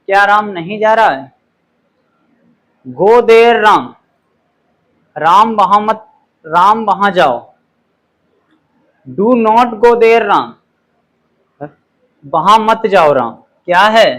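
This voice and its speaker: The audio is poor as a man teaches grammar, his voice sitting high and a bit bright. He takes his time explaining, reads the examples with great clarity, and follows each point with "okay."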